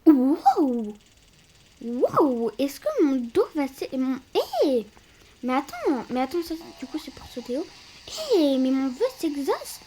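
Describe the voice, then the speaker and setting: A woman giving casual let's-play commentary indoors at night. She bursts into loud exclamations and drops into hushed, whispered asides. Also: sits high, sing-song, slow pace, slight background noise. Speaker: gaming video creator.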